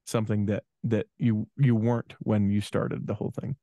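A man in his forties talks things through on a podcast, pausing and restarting as he reflects. He sits at a studio mic, and the sound is dry and close with no room around it. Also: fairly low pitch, flat delivery, gravelly, warm tone, no echo. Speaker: podcast co-host. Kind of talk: casual conversational chat. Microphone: studio microphone with headphones.

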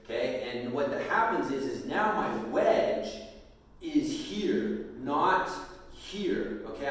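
Echoey casual coaching man. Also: on the high side. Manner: casual, demonstrative, frequent fillers. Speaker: mountain bike strength coach. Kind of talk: instructional video talk. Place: home gym with hard floor. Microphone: far camera. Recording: echoey room from far off.

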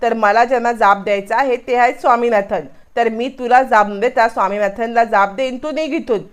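A woman voicing a haughty young woman who brushes everyone off with scorn. Her voice sits high and clear, the delivery of a storyteller reading a serial aloud. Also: a little fast, close to an everyday voice. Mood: scornful. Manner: scornful, dismissive. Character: proud angry young woman, sister-in-law.

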